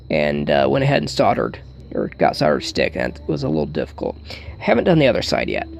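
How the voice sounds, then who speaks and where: A man giving a casual hands-on tutorial, thinking aloud in a halting way as he works, with wry humour. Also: lowish voice, vocal fry, darkish tone. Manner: thinks aloud while working, halting, wryly joking. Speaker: hobbyist demonstrating an electronics hack.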